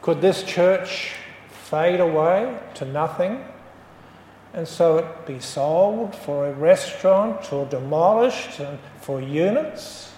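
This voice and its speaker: A man preaches in a high, unhurried voice. He tells his story and drives home each point with emphasis. His words ring through a roomy church hall with a long echo. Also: animated, a little mellow, a little hiss or hum. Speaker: pastor. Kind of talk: sermon.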